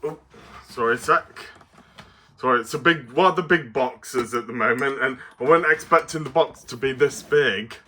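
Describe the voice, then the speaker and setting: A man presenting a casual toy review to camera, with an excitable, playful kids-show delivery that is often halting and hesitant. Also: medium pitch, slight background noise.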